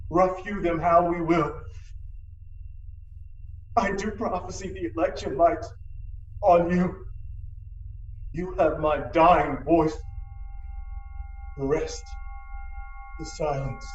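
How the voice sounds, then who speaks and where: A man acting a solemn prince, high-voiced and echoing. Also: steady tone, slow pace, long pauses. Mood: dying, impassioned. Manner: declamatory, solemn verse delivery. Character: dying young prince, remorseful and noble. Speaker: actor in a student Shakespeare production. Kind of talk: theatrical Shakespearean acting. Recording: echoey, distant, dull sound with faint noise.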